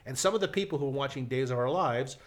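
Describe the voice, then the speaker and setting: A middle-aged man, a television writer, telling a lively anecdote in casual conversation, with frequent restarts and asides. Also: medium pitch, fast.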